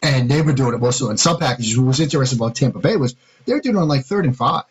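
A man co-hosting a football podcast, explaining defensive fronts and protection schemes in an easy, analytical way. His voice is husky and a little breathy, at a medium pitch. He talks it through like casual chat. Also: expressive, rapid-fire, rough recording.

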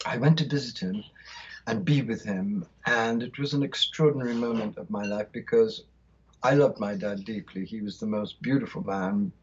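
A man's voice: fairly low pitch, normal speed, lo-fi sound, a little hiss or hum. A man in his sixties from South India, telling a spiritual vision with fervent, rhythmic phrasing as an interview guest. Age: 60s. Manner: fervent, rhythmic, lingering on lists of words. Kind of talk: impassioned spiritual storytelling.

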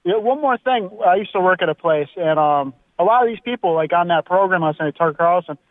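A man's voice: high voice, animated, fast talker, no room sound. A male caller to a talk radio show, worried and rambling, often restarting his sentences. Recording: tinny phone line.

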